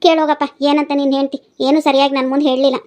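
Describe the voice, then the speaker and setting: A woman's voice: sits high, level tone, rapid-fire, darkish tone, natural voice. A woman voicing a chatty, nosy middle-aged neighbour auntie in a cartoon, with a North Karnataka accent. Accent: North Karnataka Kannada. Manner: gossipy, nosy. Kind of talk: cartoon voice acting.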